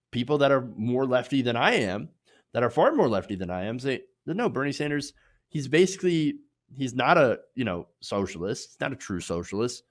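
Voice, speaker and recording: An American man hosting opinionated political commentary, emphatic, repeating his points in short punchy phrases and often tagging them with "right?". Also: medium pitch. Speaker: host of an online political commentary show.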